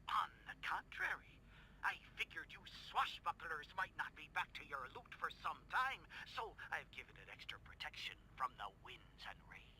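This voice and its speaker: A man's voice: on the high side, very animated, moderate pace, sharp tone, slight background noise, full character voice, poor audio. A man playing a goofy father putting on a hammy pirate-king voice in a taped message to his daughter. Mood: jolly. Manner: hammy, jolly pirate bluster. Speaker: recorded message from a parent.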